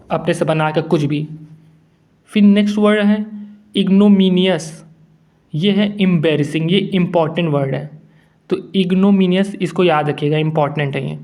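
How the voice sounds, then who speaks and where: Man, high-pitched, casual vocabulary teacher, conversational, code-mixing. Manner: relaxed, conversational, mixes English words into Hindi. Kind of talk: casual explanatory lesson.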